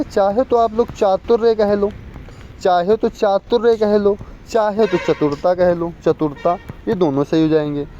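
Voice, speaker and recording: A man teaching an exam-prep spelling lesson, repeating words and quizzing viewers with quick questions. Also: high-pitched, mellow. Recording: muffled lo-fi with faint street noise.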